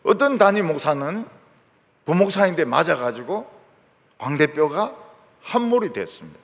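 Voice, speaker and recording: A man's voice: a little high, moderate pace. Middle-aged man, pastor preaching, emphatic and repetitive, long church-hall reverb. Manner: emphatic, repeating key phrases, lively rising and falling delivery. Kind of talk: sermon. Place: large church sanctuary.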